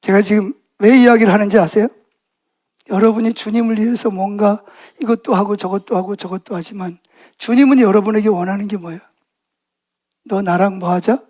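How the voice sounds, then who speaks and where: Middle-aged male pastor, high-pitched voice, lively storytelling sermon in a church, rhetorical questions to the pews. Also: a little fast. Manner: animated storytelling, asks the congregation questions. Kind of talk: Sunday morning sermon. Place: church sanctuary.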